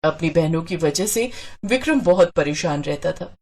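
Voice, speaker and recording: A woman narrating a cartoon story in an even, scripted storytelling way. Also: sits low, normal speed.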